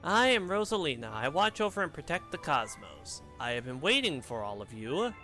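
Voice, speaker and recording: A man voicing a serene, motherly female cosmic guardian, reading her lines softly and slowly with a joking put-on edge. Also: fairly high pitch, big pitch swings, faint music behind. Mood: solemn, tender.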